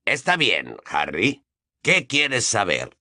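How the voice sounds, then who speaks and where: A man reading an audiobook, voicing a brooding middle-aged wizard who speaks low and quietly. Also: wildly swooping pitch, slow pace, dry recording, studio quality, exaggerated voice.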